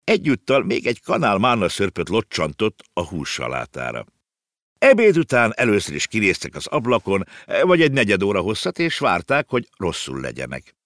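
A man narrating a children's novel as an audiobook, with lively, expressive storytelling. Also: on the low side, dry recording, clean studio sound.

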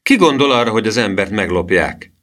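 A man voicing an agitated young boy in an audiobook reading, with shrill, excited outbursts. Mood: indignant.

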